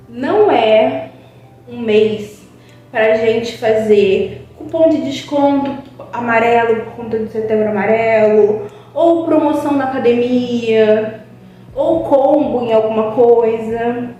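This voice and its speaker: Guesting on a web TV channel, a young psychologist from Brazil speaks informally, earnest and thoughtful, frequently stretching out a filler sound as she pauses. Her voice is mellow and fairly high. The mic is distant, the room echoes strongly, and faint music plays beneath her.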